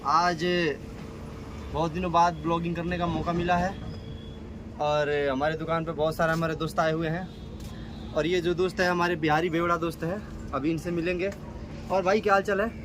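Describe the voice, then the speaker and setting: Male vlogger, Bhojpuri accent, high-pitched voice, chatty and repetitive, casual talk over noisy street ambience. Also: level tone, moderate pace. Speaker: vlogger and shopkeeper. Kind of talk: casual vlog chat to camera. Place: at a shop in a market.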